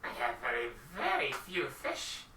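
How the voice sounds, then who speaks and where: A man's voice: medium pitch, huge pitch swings, measured pace, bright, forceful tone, echoey room, recorded from a distance, slight background noise, heavily acted. A man voicing a shady shopkeeper in a trench coat, speaking in a sly, whispery way.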